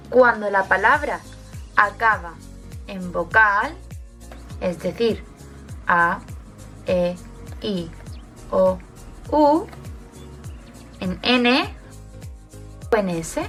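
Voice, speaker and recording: A woman teaching a grammar lesson in a scripted narration, explaining clearly and step by step. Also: medium pitch, a bit bright.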